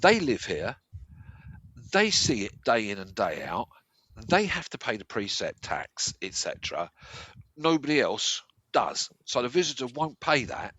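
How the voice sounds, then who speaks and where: An English man argues his view on local affairs in a bright, forceful voice. His pitch moves a lot as he stresses and repeats phrases. The diction is slightly slurred and toothless, and the sound is dry. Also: big pitch swings, a little slow, no echo. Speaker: local resident on a discussion panel. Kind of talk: opinionated discussion of local affairs.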